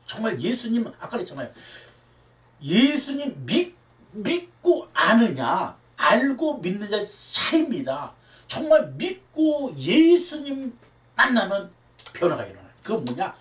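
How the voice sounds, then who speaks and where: Male pastor, lively swooping pitch, emphatic sermon, rhetorical questions, echoey hall, mic set back. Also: a little slow. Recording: roomy hall, mic at a distance.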